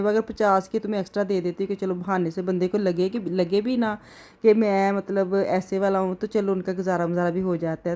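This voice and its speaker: A chatty middle-aged woman with a Punjabi accent talks through her vlog in a rambling, easygoing way. Her voice sits at an ordinary middle pitch for a woman. She drifts between topics the way people do in casual talk. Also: mellow. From Pakistan. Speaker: vlogger.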